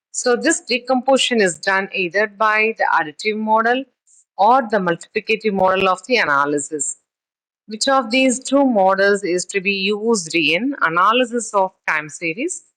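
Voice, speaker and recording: Halting woman lecturing on statistics. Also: medium pitch, a bit bright, rough recording. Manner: halting, with many fillers and restarts; reads text then explains in her own words. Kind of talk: recorded lecture.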